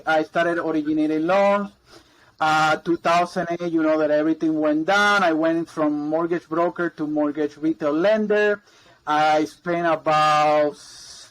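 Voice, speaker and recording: Poor audio captures a fairly high-voiced man in his 40s from Puerto Rico. He's a mortgage broker guesting on a casual interview chat. He rambles along, repeats words and fills gaps with plenty of ums and uhs.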